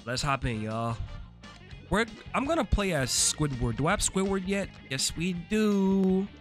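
A man's voice: high voice, a little slow, faint music behind. Laid-back slangy man playing a game. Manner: laid-back, slangy, swears freely, gets excited. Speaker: gaming YouTuber. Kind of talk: casual gameplay commentary.

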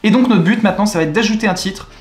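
A man's voice: sits high, racing, faint music behind. A young French man giving a chatty, upbeat screen-recorded tutorial walkthrough, full of repeated filler words. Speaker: online money-making tutorial host. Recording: echoey room.

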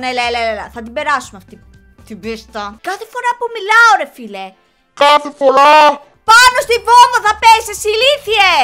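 Excitable young woman gamer, high and bright. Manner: excitable, yells and scolds the game. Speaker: gaming YouTuber. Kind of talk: live gameplay commentary.

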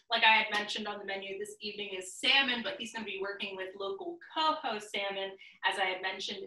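A woman's voice: medium pitch, pushed and bright, reverberant. A woman hosting a live online cooking class on a video call, chatty and upbeat with lots of fillers. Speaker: host.

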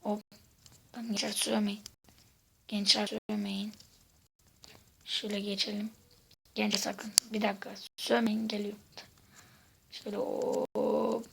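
A woman giving casual gameplay commentary, exasperated, swearing and shouting out at the game while chatting to her viewers. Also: mid-range voice, level tone, a little slow, vocal fry, pauses often, a little hiss or hum. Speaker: gaming video host.

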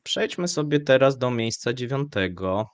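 A man hosting live economic commentary, speaking in a measured, hesitant way with frequent fillers. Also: medium pitch, lively intonation, no echo. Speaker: show host.

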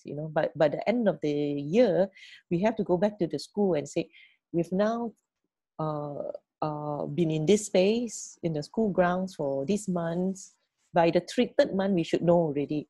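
Briefing her team in an online meeting, a middle-aged woman lays out the plan in a low, mellow voice with a breathy edge. The sound is dry and close, without room sound, and she keeps repeating words and asking "okay?" or "right?".

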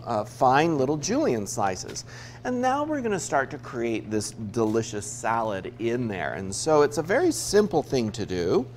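A man's voice: mid-range voice, a little hiss or hum. A man in his fifties from Utah hosting a TV cooking segment, chatting through each step as he cooks in a studio kitchen. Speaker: TV cooking show host. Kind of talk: cooking demonstration.

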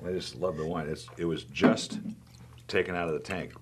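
Through an overhead boom mic in a very noisy setting, a middle-aged man with a low voice hosts a casual wine tasting in a wine shop. At a moderate pace, he teases his co-host and rambles enthusiastically about the bottles.

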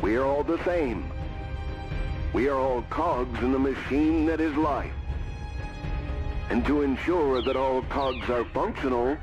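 A cold surveillance announcer of a controlling regime, speaking through a disguised, unnaturally deep voice. His slow, flat pronouncements come from a distant, dull-sounding loudspeaker with game music behind. The delivery is calm and menacing. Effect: disguised deep voice over a loudspeaker. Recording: muffled, distant loudspeaker broadcast.

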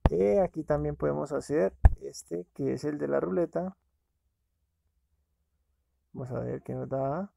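A man's voice: mid-range voice, creaky, dark tone, dry recording. A man casually narrating a screen-recorded app walkthrough, talking to viewers as friends. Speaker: app reviewer.

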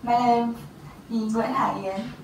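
A teenage girl with a Vietnamese accent taking an English speaking test, halting and hesitant with restarts. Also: on the high side, fairly even intonation, a little hiss or hum. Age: teens. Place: small classroom office, indoors. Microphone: far camera. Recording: roomy, distant camera sound.

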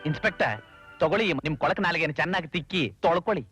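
An actor playing a lawyer who keeps teasing his friend with quick joking retorts. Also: a little high, expressive, fairly bright tone, faint music behind. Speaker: government lawyer.

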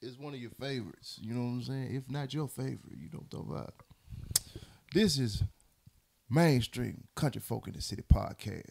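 A man's voice: mid-range voice, fairly quick, gravelly, darkish tone. A man hosting a casual podcast, joking and laughing often with his co-hosts. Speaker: podcast host.

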